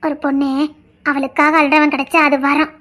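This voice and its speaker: Woman doing a very high, bright devoted young wife. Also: level tone, normal speed. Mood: devoted, pleading. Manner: earnest, pleading, insistent. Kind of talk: Tamil audio drama.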